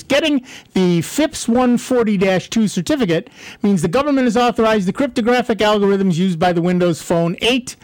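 A man's voice: sits high, a little mellow, no room sound. A man with an American accent hosting a radio call-in show in a casual announcing style. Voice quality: throat trouble. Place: radio studio.

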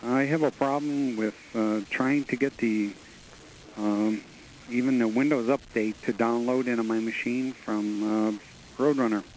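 A man's voice: mid-range voice, fairly even intonation, a little slow, a little mellow, a little hiss or hum, low-quality recording. A man from New York calling in to a radio show, hesitantly asking for computer help and unsure of the technical terms. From New York, USA. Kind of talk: call-in question to a tech help show.

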